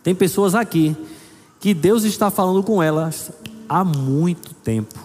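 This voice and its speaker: A middle-aged male pastor preaching a sermon, building emphasis and reading scripture slowly. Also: high voice, a little mellow. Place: church hall. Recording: long hall reverb with faint music.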